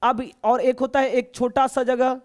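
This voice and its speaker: High-pitched Bihari Hindi teacher, joking. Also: male voice, little pitch movement, unhurried, smooth. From Bihar, India. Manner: chatty, joking, coaxing students. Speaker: English teacher. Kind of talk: live online class.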